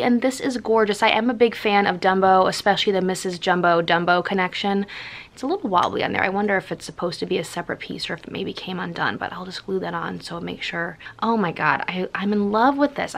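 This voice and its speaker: A woman, talking casually to her viewers. She gushes and gets emotional, her voice full of excitement as she goes. Her pitch sits in the middle of the usual range. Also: brisk, vocal fry. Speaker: vlogger opening fan mail. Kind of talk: casual vlog chat.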